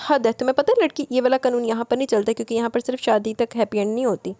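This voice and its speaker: A woman's voice: a little high, fairly even intonation, mellow, no echo, lightly acted. A woman voicing a bossy young husband in an audiobook novel, lecturing and scolding his wife but loving underneath. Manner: scolding, lecturing, then tender.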